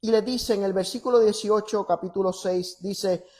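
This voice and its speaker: A male pastor, preaching a sermon to a congregation. He moves from loud, emphatic scripture reading to quiet, teasing asides. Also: high-pitched, fairly even intonation, moderate pace. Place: church before a congregation.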